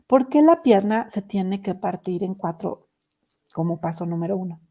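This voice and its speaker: A woman's voice: mid-range voice, animated, normal speed, dark tone. A woman voicing a puzzled mother who asks the grandmother a question in a told anecdote.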